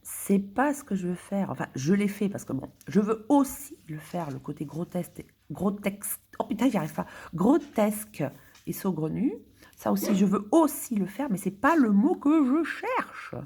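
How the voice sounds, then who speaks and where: A woman's voice: mid-range voice, big pitch swings, moderate pace, warm tone, husky. A woman from France thinking aloud in a casual monologue, muttering and whispering to herself as she searches for words, with indignant outbursts. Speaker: vlogger.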